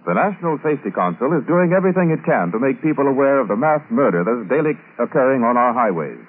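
A man's voice: mid-range voice, very animated, fast talker, breathy edge. Man announcing on an old broadcast disc. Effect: old broadcast disc sound. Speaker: radio announcer. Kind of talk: scripted 1940s radio announcement. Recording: tinny, narrow-band old radio transcription.

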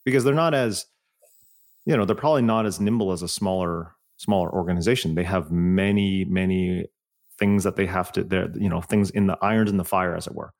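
A man's voice: low-pitched, a little fast, creaky, darkish tone. A man hosting a podcast interview, talking in a friendly, conversational way. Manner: friendly, conversational with filler phrases. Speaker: podcast host.

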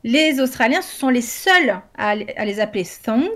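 A woman's voice: a little high, animated, moderate pace, a bit bright. A woman, co-hosting a casual discussion about a language-learning project, talking enthusiastically in long flowing runs.

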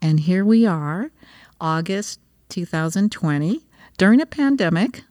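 A woman's voice: on the low side, lively intonation, measured pace, a little mellow, studio quality. A woman speaking as the host of a casual group interview, recorded in a theater. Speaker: host, theater company artistic director. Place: theater, distanced from others. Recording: echoey hall, music behind.

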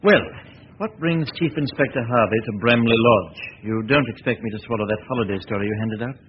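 An actor playing a calm, witty crime-novelist detective in a vintage radio drama, with an urbane, clipped delivery. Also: male voice, mid-range voice, a little fast, lightly acted. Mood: wry. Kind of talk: 1940s radio acting. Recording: lo-fi old radio recording with hiss.

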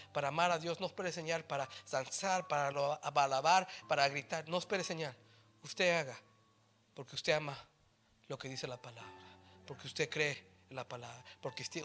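A middle-aged man preaching a sermon, mixing in English phrases and swinging from soft asides to loud exhortation. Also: a little high. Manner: mixes English phrases into Spanish.

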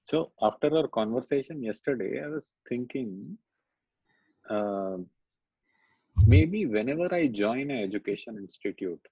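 A man with a North Indian accent talks conversationally about his own life in a halting, hesitant way. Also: mid-range voice, expressive, mellow, breathy edge. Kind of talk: conversational coaching discussion. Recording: dull, roomy, lo-fi recording.

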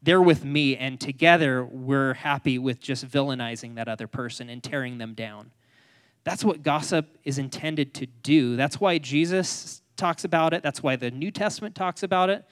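A man's voice: medium pitch, moderate pace. A man preaching a sermon on a Bible passage, talking casually and often putting questions to his congregation. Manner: conversational, asks the room questions. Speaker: pastor.

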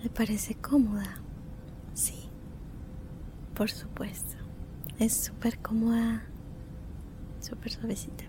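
Whispering woman, slow whispered role-play. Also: level tone. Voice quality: soft, mostly unvoiced whisper. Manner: gentle, attentive, polite service talk with diminutives. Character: courteous, caring business-class flight attendant. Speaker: ASMR performer playing a flight attendant. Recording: rumbling background noise.

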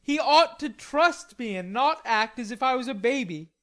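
Stubborn, hot-tempered teenage lad, played by a female reader; storybook dialogue, emphatic, higher-pitched delivery. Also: expressive, normal speed, a bit bright. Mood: indignant. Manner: emphatic, protesting. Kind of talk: audiobook character reading.

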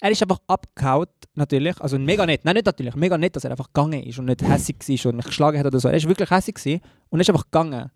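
Fast-talking Swiss German young man. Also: fairly high pitch, dry recording, clean studio sound. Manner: rambling, self-mocking storytelling with English slang. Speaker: podcast co-host. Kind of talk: casual chat.

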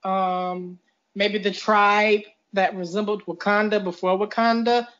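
A man's voice: high voice, fairly even intonation, measured pace, fairly bright tone. A man hosting a podcast, chatting casually over a video call in a rambling, self-deprecating way. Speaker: podcast host. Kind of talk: casual review chat. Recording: dull lo-fi call audio.

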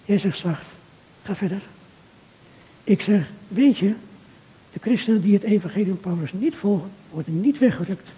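An older man giving an earnest, measured sermon talk, speaking directly to a churchgoer. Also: high voice, lively intonation, mellow. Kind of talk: reflective sermon talk addressed to a listener. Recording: long reverb of a hall.

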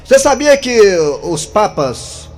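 A man hosting a comedy radio show, announcing loudly and joking. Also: very high voice, big pitch swings, slow pace, slightly rough. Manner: loud, jokey, hyped announcing.

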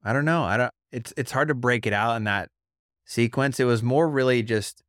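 A man's voice: medium pitch, moderate pace, a bit bright, no room sound, clean studio sound. A man in casual podcast conversation, thinking aloud and searching for words, with many likes.

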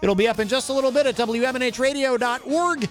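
A man's voice: very high-pitched, fast, a bit bright. A man hosting a live radio talk show, chatting and wrapping up. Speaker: radio host.

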